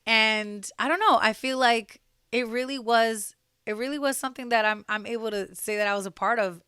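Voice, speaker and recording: A woman's voice: on the high side, normal speed, sharp tone, clean tone, dry recording, clean studio sound. A young woman from New Jersey, chatting as a podcast guest with lots of fillers and restarts. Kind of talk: casual interview conversation.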